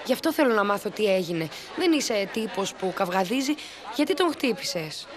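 A woman dubbing a caring teenage schoolgirl who keeps trying to calm her friends down. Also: mid-range voice, crowd noise, close to an everyday voice. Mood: concerned. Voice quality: pleading, earnest. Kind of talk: dubbed TV drama.

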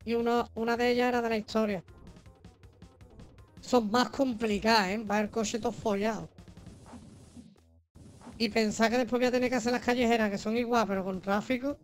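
A woman's voice: a little high, fairly even intonation, moderate pace, pauses often. A woman with a Spain accent chatting casually as she streams a video game, slangy, joking and foul-mouthed. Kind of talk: casual gaming livestream chat. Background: video game music.

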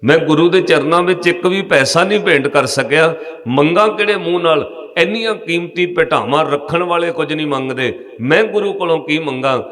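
A man's voice: a little high, normal speed, fairly bright tone. Punjabi preacher guy, emotional storytelling sermon, big echoey hall. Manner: emotive, addresses the congregation directly.

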